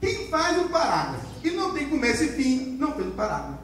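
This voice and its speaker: High-pitched Brazilian man teaching in an echoey room. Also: fast talker, slight background noise. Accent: Brazilian Portuguese. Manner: energetic, repetitive drilling with call-and-response. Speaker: writing teacher. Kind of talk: classroom lecture. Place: classroom. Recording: echoey classroom from far off.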